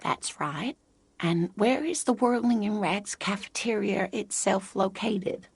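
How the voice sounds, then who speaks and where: Old woman, game character, creaky, husky; doting and scatterbrained. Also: mid-range voice, slow, dry recording, heavily acted. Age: older. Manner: doting, talkative.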